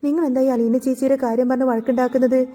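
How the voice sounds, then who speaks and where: An insistent young woman laying out the truth with firm emphasis, in a woman narrator's reading. The voice is high and mellow. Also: little pitch movement, quick pace.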